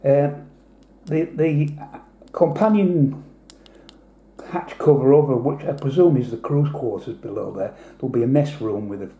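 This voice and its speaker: A man's voice: medium pitch, measured pace, warm tone, echoey room. A man giving a chatty, rambling hobby tutorial, explaining each step as he goes. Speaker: model painter. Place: indoor hobby desk.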